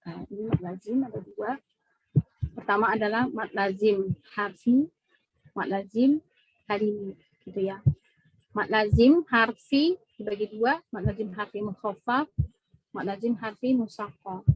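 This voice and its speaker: A woman's voice: mid-range voice, unhurried, pauses often, husky, no echo, muffled recording. A woman teaching a tajwid lesson in a mosque class, patient and repetitive, often checking in with her listeners. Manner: patient, repeats points with frequent "ya" checks. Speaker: Quran recitation teacher.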